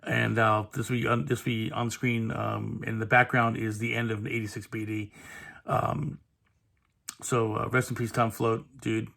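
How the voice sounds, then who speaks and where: A man hosting his channel, giving a casual spoken tribute in a halting, reflective way with many fillers. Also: medium pitch, little pitch movement, gravelly, bright, forceful tone. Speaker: channel host.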